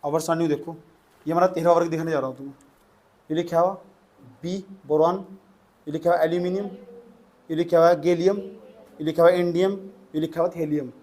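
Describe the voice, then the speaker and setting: A man with a high voice teaches a chemistry class. He repeats each phrase slowly for dictation and keeps checking with questions whether the students have understood. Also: fairly even intonation, darkish tone. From India. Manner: repetitive, coaxing, asks students questions. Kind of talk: classroom lecture dictating notes.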